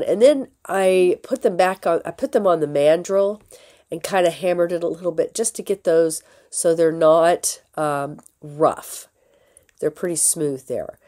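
Slow, hoarse woman vlogger. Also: fairly low pitch. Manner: slow, unhurried talk with fillers and soft laughs. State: hoarse from a lingering illness. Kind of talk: casual crafting tutorial.

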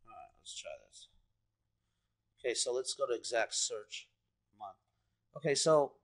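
A man walks viewers through his screen in a loose, salesy demo. His voice sits at a middling pitch, and he talks in rambling bursts full of fillers and "guys". He sounds keen about everything he points at. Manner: rambling, filler-heavy, keeps saying "you know" and "guys"; enthusiastic, salesy. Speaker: online marketer walking through a screen demo. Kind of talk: casual screen-share walkthrough.

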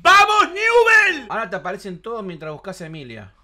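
A man with an Argentine accent commenting on a horror game as he plays, crude and excitable, swearing and laughing. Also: high voice, racing, heavy background noise. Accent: Rioplatense Argentine Spanish. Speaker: gaming streamer. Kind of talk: live gameplay commentary.

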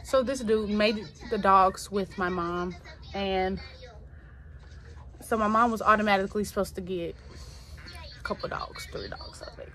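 A young woman from Tennessee talks casually to her viewers, rambling through a story in relaxed, slangy speech. Her voice sits in an ordinary middle pitch. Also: measured pace, long pauses, soft background music. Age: 20s. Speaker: vlogger. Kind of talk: casual chat.

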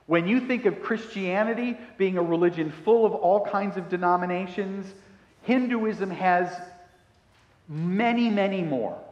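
A man in his fifties, a pastor preaching a sermon on a headset mic, slow and emphatic, asking the congregation questions. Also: fairly high pitch. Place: church sanctuary in front of a brick wall. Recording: roomy hall echo.

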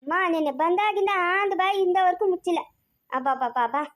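Village drama role: a woman playing a fretful village woman with a rural Chikkaballapur Kannada accent, very high-pitched, rattling along fast, scolding. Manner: scolding, exclaiming, repeating questions. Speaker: actor in a village family drama. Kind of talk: homemade village family drama.

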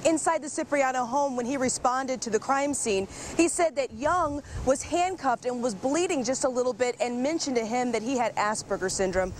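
A woman's voice: sits high, normal speed, few pauses, slight background noise. An American woman, a television reporter, delivering a scripted live news report. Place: outdoors on courthouse lawn. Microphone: lapel.

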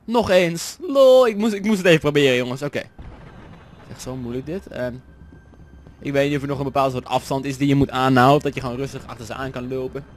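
A man's voice: mid-range voice, fairly even intonation, fast talker. A man from the Netherlands with a Dutch accent, doing jokey let's-play commentary, chatty and swearing often. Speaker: gaming commentator.

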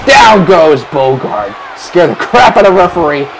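A man doing excited play-by-play wrestling commentary, shouting at the big moves. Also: on the high side, normal speed, gravelly. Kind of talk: excited wrestling commentary over a video game match. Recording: noisy with crowd roar behind.

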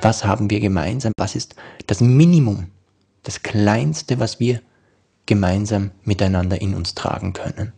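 Low gravelly guy musing on storytelling theory, husky, soft music under him. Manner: slow, searching, academic phrasing. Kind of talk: lecture-style spoken reflection.

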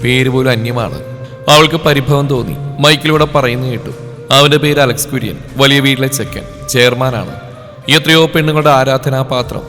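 A man reading a romance story aloud as a storyteller, in an emotive, dramatic way with short pauses between sentences. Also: medium pitch. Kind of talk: scripted romance story narration. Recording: long reverb over soft background music.

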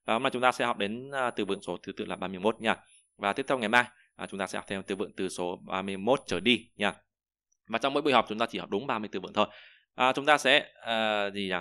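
A male language teacher working through a vocabulary list, saying each word several times and pausing on fillers as he thinks aloud. His voice sits low yet rings bright and forward. The sound is dry and close, with no room around it. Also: no room sound. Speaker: Chinese teacher. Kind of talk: vocabulary lesson.

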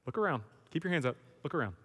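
A man's voice: on the high side, animated, rapid-fire, a bit bright, husky. A man pastor giving an emphatic, conversational sermon in a church sanctuary. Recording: long church hall reverb.

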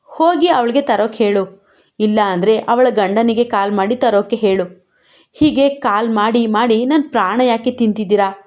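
An overworked young wife lashes out in bitter, tearful complaints, as a woman reads her part. Her voice sits fairly high and she scolds in sharp bursts. It sounds like a spoken storybook. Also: moderate pace, lightly acted. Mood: scolding. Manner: scolding, sobbing outbursts.

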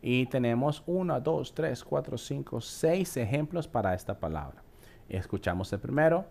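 A man teaching an English vocabulary lesson in Spanish, explaining step by step, checking in with the viewer often and reading English words and definitions slowly. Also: mid-range voice, lively intonation, gravelly, darkish tone. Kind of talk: screen-share vocabulary lesson.

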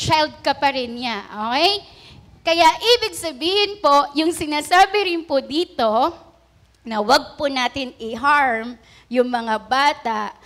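A woman's voice: high voice, fairly bright tone. A woman pastor giving a casual, conversational sermon, often adding polite asides and questions to the congregation. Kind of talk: Taglish sermon.

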